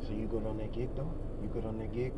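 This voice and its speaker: A man's voice: on the low side, little pitch movement, fast. A young man in teasing, slangy banter, talking in a car during a comedy sketch. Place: inside a car. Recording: distant, dull mic with loud road noise.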